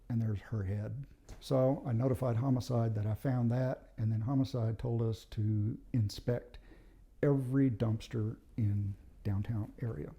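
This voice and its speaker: A man's voice: mid-range voice, mellow. A former police officer, a man, tells true stories from his time on the job in a casual, plain-spoken, matter-of-fact way. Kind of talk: casual anecdotal storytelling.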